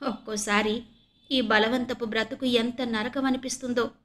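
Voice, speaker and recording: A woman's voice: a little high, steady tone, moderate pace, a bit bright, natural voice. Woman voicing a tearful crippled boy. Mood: wistful. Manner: pleading, tearful.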